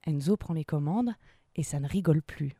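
A woman reading a children's story aloud in a slow, expressive way. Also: low voice, dry recording, clean studio sound.

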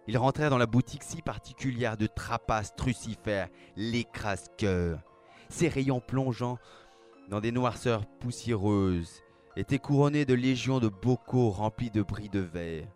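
A man narrating a dark fantasy story aloud, with a measured, dramatic reading. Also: lowish voice. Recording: faint background music.

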